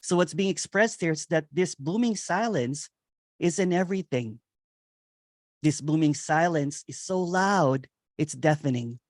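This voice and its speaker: A man giving a meditative spiritual reflection on nonduality, repeating phrases and chuckling softly now and then. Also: a little high, measured pace, dry recording, clean studio sound. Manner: meditative, repetitive, with soft chuckles. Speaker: nonduality speaker. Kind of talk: slow spoken spiritual reflection.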